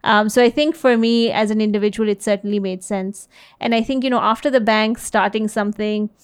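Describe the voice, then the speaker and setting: A woman in her thirties, raised in India and the US, answering interview questions in a relaxed, thoughtful way with many fillers and restarts. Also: mid-range voice, fairly quick, smooth. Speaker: interview guest, social enterprise CEO. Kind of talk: casual interview conversation.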